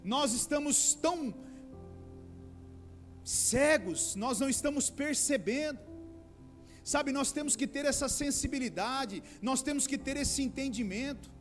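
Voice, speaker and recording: High-voiced preaching pastor, faint music. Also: male voice, a little slow. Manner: preaching with rising, pleading outbursts; addresses listeners as brothers. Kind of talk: sermon.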